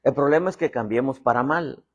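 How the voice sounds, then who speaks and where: A man's voice: medium pitch, fairly quick, lo-fi sound. A middle-aged man preaching a sermon in a folksy way, joking and having the congregation repeat phrases. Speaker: apostle preaching.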